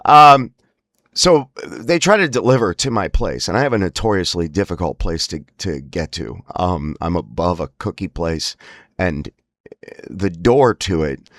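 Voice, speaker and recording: The host of a lifestyle series on a voice disorder speaks a bit slowly in a low, fairly bright, expressive voice that catches in strained spasms from spasmodic dysphonia. His monologue is a casual, wry, rambling story delivered with emphasis, recorded dry at studio quality.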